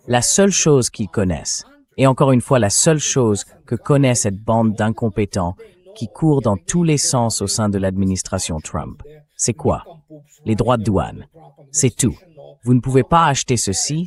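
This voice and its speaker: A man whose voice is on the low side and darkish provides the translated voice-over for an interview guest. He talks about political and military matters in a conversational, blunt and scornful manner.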